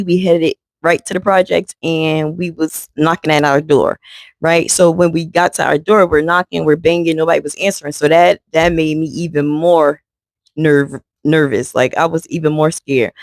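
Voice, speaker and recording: A woman vlogger with a low voice shares an emotional true story, chatting casually and calling her viewers "y'all." The recording has no echo.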